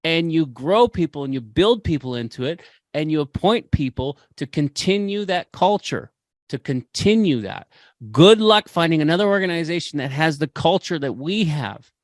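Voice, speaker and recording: A man's voice: a little high, expressive, moderate pace, no echo. A man hosting a podcast, speaking with impassioned, preachy conviction and repeating phrases for emphasis. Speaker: podcast host. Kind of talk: motivational podcast talk.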